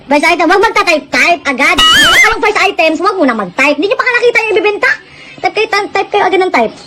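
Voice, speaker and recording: A woman's voice: very high voice, expressive, quick pace, very noisy. A woman doing a comic live-selling skit, scolding viewers with bossy sales patter. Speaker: mock live seller.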